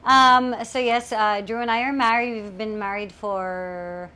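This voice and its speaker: A woman's voice: fairly high pitch, steady tone, measured pace, bright, forceful tone, clean tone. Playful woman from Australia chatting. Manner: playful, mixes English with Filipino. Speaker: podcast co-host. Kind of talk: casual chat. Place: home in a busy city district. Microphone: lapel mic.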